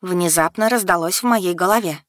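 A woman reads a first-person fantasy audiobook expressively and cries out the heroine's shouts at full voice. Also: lowish voice, fairly quick, no echo, clean studio sound. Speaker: audiobook narrator.

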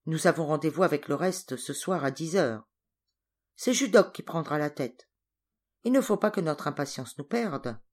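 A woman's voice: low-pitched, animated, moderate pace, a little mellow. A woman voicing the ironic, commanding man who leads a band of hunters in an audiobook story. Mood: hushed, firm.

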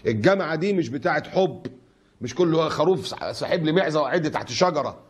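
A man's voice: fairly high pitch, expressive, fast talker, breathy edge. A man with an Egyptian Arabic accent preaching a colloquial sermon, scolding and mocking with rhetorical questions.

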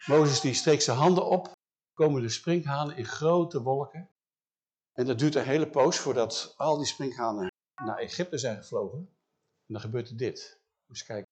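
A man telling a Bible story for children in a lively way, talking directly to his listeners. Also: medium pitch. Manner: lively, talks straight to listeners.

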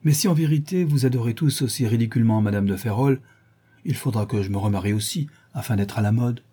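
A man voicing an old, gossipy society hostess who chides in raised, indignant exclamations, with a husky voice. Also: medium pitch, fast talker, dark tone, close to an everyday voice. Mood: scolding.

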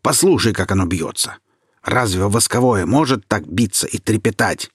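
A gloating, domineering male forest sorcerer , put on by a man reading the tale aloud. The voice is husky and sits a little lower than usual, in a dry, close sound. He barks orders and then drops into a slow, threatening hush. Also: expressive, no room sound. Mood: angry, boastful. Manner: loud and commanding, turning to a slow menacing hush.

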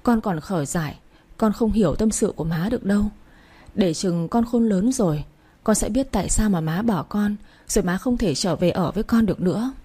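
A woman voicing a remorseful young mother who speaks softly and pleadingly, full of shame. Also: medium pitch, normal speed, husky, close to an everyday voice. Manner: soft, pleading.

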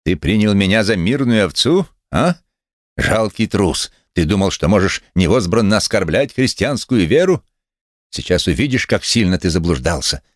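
A man's voice: low-pitched, sing-song, moderate pace, creaky, a little mellow, no room sound, clean studio sound, full character voice. A man voicing a stately male Methodist preacher who speaks in an indignant, preachy way. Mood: wrathful.

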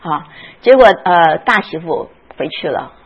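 A woman's voice: lowish voice, animated, unhurried, husky, dull audio. A woman teaching a Sunday school Bible class, often asking the class questions and retelling scenes with feeling.

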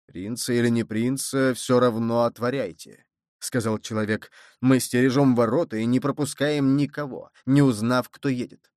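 A man's voice: mid-range voice, fairly even intonation, moderate pace, a little mellow, no room sound, natural voice. Man doing a blunt, threatening gate guard; dry read. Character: gruff male rebel leader with a scythe.

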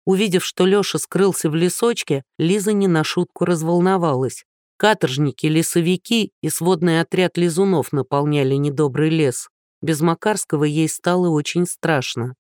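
A man narrating an audiobook in an even, measured storytelling manner. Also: on the high side, no echo, clean studio sound. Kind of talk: scripted narration.

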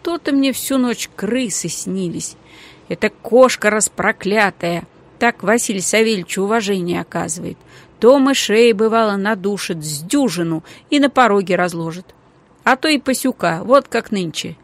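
A woman reading the part of a loud, blunt female household cook in an audiobook, scolding and plain-spoken. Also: medium pitch, normal speed, natural voice. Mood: grumbling.

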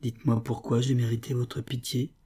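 A man voicing a young captive Russian officer, earnest and soft-spoken. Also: medium pitch, little pitch movement, normal speed, breathy edge.

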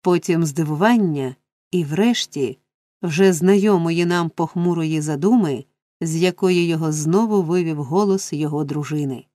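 A woman narrating a classic novel as an audiobook, measured and expressive. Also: sits low, no echo, clean studio sound. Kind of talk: scripted literary narration.

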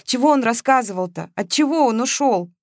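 Woman doing a tearful young woman, high and loud through sobs, dry close sound. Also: lively intonation, brisk, dry recording. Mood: pleading. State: sobbing.

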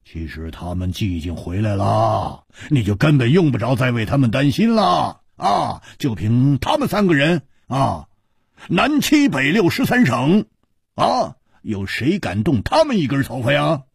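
A man voicing a bluff, hard-drinking male swordsman who huffs and exclaims loudly, with a husky voice. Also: mid-range voice, big pitch swings, a little slow, dry recording, clean studio sound, pitched above the performer's own voice, heavily acted. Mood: hearty. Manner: grumbling huffs and loud exclamations.

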